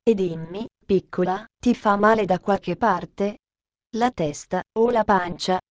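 A woman voicing a kindly male doctor who speaks gently and calmly, in a storybook reading. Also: mid-range voice, no echo, dull audio, natural voice. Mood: gentle. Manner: gentle, soothing, unhurried.

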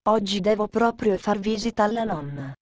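A woman's voice: mid-range voice, expressive, moderate pace, darkish tone, no room sound, lightly acted. A woman voicing an eager, cheerful little mountain girl in a storybook reading.

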